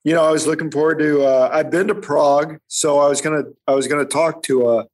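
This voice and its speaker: A man in a casual sports podcast, speaking in a halting way as he searches for words. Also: on the high side, fairly even intonation, darkish tone.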